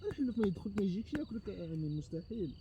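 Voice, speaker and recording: A man's voice: high-pitched, very animated, very fast, muffled recording, noisy background. An Algerian man giving casual advice to friends outdoors at a campsite.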